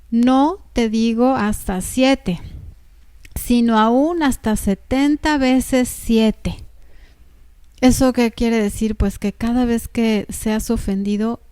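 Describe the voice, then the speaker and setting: Woman preacher, fairly high pitch, unhurried explanatory delivery. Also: mellow, clean tone, no echo. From Mexico. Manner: slow, measured, explanatory with rhetorical questions. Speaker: pastor. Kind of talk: sermon reading and explaining scripture. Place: church service.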